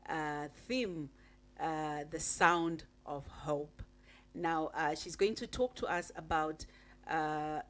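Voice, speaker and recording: Slow, halting woman talk show host. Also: low-pitched. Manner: slow, halting, with many uh fillers. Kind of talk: radio talk show interview.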